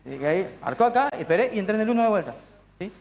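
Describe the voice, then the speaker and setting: A man's voice: high-pitched, expressive, rapid-fire, a little mellow. A man with an Argentine accent teaching conducting in a church, counting beats aloud and coaching students. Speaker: music instructor. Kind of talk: hands-on conducting lesson. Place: church hall during a live-streamed course.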